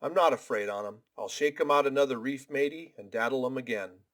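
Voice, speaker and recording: A man voicing a sick, desperate old sea captain who pleads and curses in rough sailor talk. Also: medium pitch, brisk, a bit bright, close to an everyday voice. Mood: agitated.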